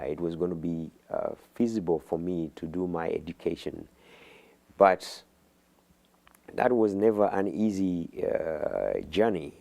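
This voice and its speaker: A middle-aged man from Uganda, a guest in an interview, talking haltingly with many fillers and restarts. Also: deep voice, creaky, dark tone. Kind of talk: interview conversation.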